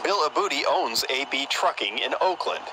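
An older male TV field reporter narrates a news report and interviews people outdoors at a truck yard, holding a handheld mic and using an emphatic reporter cadence. His fairly high voice has lively intonation and a normal pace, set against heavy background noise.

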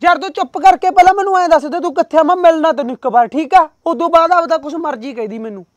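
A jealous, hot-headed young man, played by an actor who pushes and demands without letting up. His voice sits high and the words tumble out fast. Pushy and swearing, he is a short film figure. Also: no echo. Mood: demanding. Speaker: son and temp worker.

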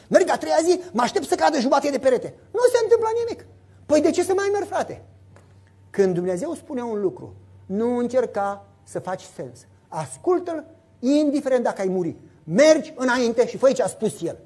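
A middle-aged man preaching a sermon, telling stories with lively acted-out voices and sound effects. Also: very high-pitched, slightly rough.

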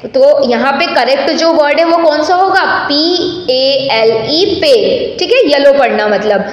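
A woman schoolteacher with an Indian English accent giving a lesson. She reads the English text slowly and explains it in Hindi, asking questions and answering them herself. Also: high-pitched, lo-fi sound. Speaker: school teacher. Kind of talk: classroom lesson. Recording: heavy echo, long room reverb.

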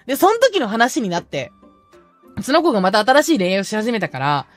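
A young woman chats casually with her viewers as a streamer, recounting a story in a bright, high voice that leaps up and down. She laughs often and slips into voices as she quotes the people in the story. Faint music plays quietly behind her. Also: a little fast. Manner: animated, laughs often, acts out quoted lines.

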